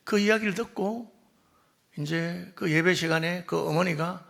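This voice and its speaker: A male pastor preaching a sermon, telling a story and acting out the dialogue, often dropping to a soft, quiet voice for emphasis. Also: high voice, measured pace, creaky.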